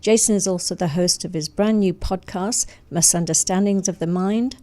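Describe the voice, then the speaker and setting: A woman from North Wales, older, hosting a casual interview podcast, chatty and quick to laugh. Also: lowish voice, dark tone. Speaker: podcast host.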